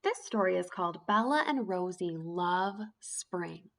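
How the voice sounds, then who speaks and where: A woman teacher giving a reading lesson to young children, speaking slowly and clearly in an encouraging way. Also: fairly low pitch, lively intonation, fairly bright tone.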